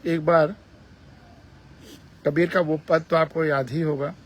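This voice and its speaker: A man giving a measured spiritual discourse, repeating phrases for emphasis as he explains a teaching. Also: fairly high pitch, steady tone. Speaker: spiritual speaker.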